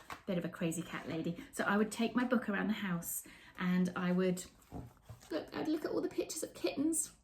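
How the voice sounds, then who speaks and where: Against a slight hiss or hum, a middle-aged woman with a fairly low-pitched voice gives an animated storytime read-aloud of a picture book for children. She sits indoors in a small room with bookshelves, using dramatic pauses, whispers and chatty asides to young viewers.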